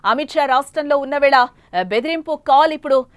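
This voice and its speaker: A high-voiced woman news anchor briskly delivers breaking news, emphatic and repetitive and partly improvised. The sound is close and dry, with no room sound.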